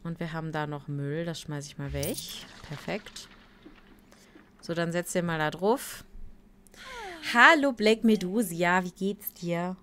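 A woman's voice: sits low, slight background noise. A tired woman streaming a life-sim game, chatting casually and greeting viewers by name with playful asides. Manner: slow, relaxed talk with playful asides. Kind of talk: casual live-stream commentary.

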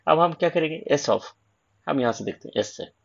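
In a dull lo-fi recording, an Indian-accented man tutors online, explaining an assignment step by step in a blend of English and Hindi. His voice sits on the high side and is creaky, with lively intonation and a fairly quick pace.

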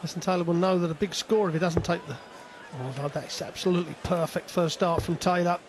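A man commentates on live darts in a high voice. A loud arena crowd is heard behind him. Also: fairly even intonation, brisk.

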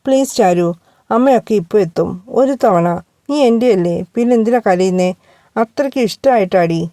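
Storybook figure: a pushy, possessive young man with a low coaxing murmur, mellow and smooth, as a woman narrator puts him on. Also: fairly quick, dry recording, natural voice.

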